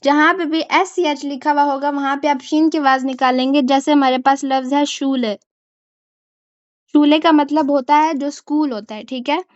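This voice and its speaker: In an online German language lesson, a woman patiently explains pronunciation and often checks in with students by repeating "ठीक है?". Her high-pitched voice has fairly even intonation at a normal speed; the recording is muffled but has no echo.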